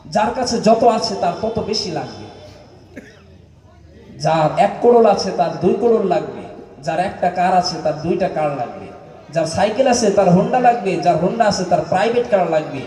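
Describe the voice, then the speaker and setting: A Bangladeshi Bengali man preaching a fiery sermon in a rhythmic voice that climbs into shouts, calling on his listeners to answer him. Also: sits high. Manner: rhythmic, rising to shouts, asks the crowd to respond. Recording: echoey hall, voice from far off.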